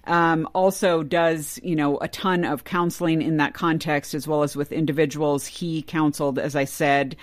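A woman hosting a talk radio show in casual chat, chatty with quick asides and fillers, at a studio microphone. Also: deep voice, steady tone, no room sound. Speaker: podcast host.

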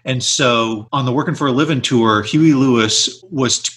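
A man co-hosting a casual music podcast, telling stories with bursts of high excitement. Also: normal speed. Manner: animated storyteller, voice jumps high when excited. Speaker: podcast co-host.

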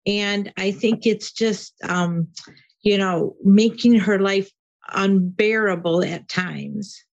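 A woman calling in to a show, her voice coming through a dull, lo-fi call line. She talks slowly and haltingly, filling gaps with soft hesitations. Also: mid-range voice, vocal fry. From Michigan. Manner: hesitant, many "um" fillers. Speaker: radio show caller.

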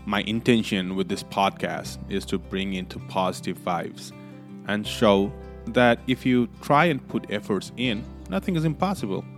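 A man, hosting his own podcast in an earnest, halting way with many fillers. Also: lowish voice, soft background music. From Nepal. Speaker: podcast host. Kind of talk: solo podcast monologue.

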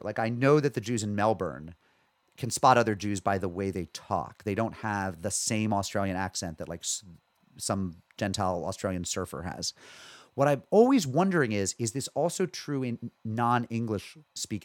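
A man talking as a podcast guest in casual chat, animated and talkative. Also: fairly low pitch, normal speed, dry recording.

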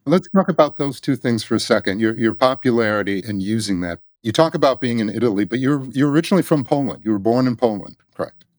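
A man's voice: medium pitch, lively intonation, fast, few pauses, a little mellow, no room sound, clean studio sound. A man interviewing a guest, conversational, repeating words and checking his facts with short questions. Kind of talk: radio interview.

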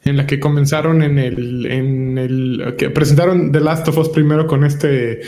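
A man with a Mexican accent speaks as a panelist on a gaming talk show, offering casual, slangy commentary. He explains his points and checks in with short tag questions, his medium-pitched voice steady, measured and mellow.

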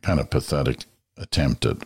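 A man with a very deep voice hosts a talk show. He reads listener letters and chats loosely, filling pauses with ums and poking fun at himself. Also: slightly rough. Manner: self-deprecating, chatty, with fillers. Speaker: podcast host. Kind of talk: casual show hosting, reading listener letters.

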